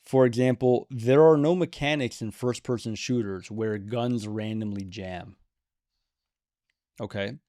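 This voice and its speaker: A man's voice: mid-range voice, fairly even intonation, measured pace, dark tone, no echo, clean studio sound. A man giving opinionated commentary to camera on a video game, emphatic and repeating words for stress. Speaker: gaming video creator.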